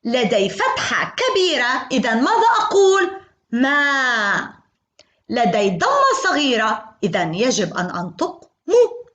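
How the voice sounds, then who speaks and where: A woman teaching a phonics lesson to young children, sounding out syllables in slow, sing-song repetition. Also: a little high, sing-song, a bit bright, highs cut off. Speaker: kindergarten teacher.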